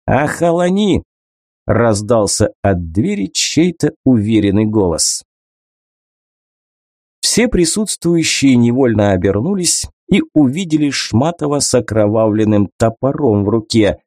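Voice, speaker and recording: Man, audiobook narration, expressive, lively pitch, dark mellow tone, dry close sound. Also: a little slow, no room sound. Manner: animated, expressive reading. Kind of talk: scripted narration.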